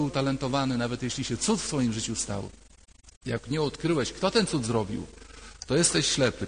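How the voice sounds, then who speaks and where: An older man preaches a sermon in a conversational yet emphatic way and returns to key phrases again and again. His voice sits a little high. A long church reverb trails every phrase. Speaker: priest.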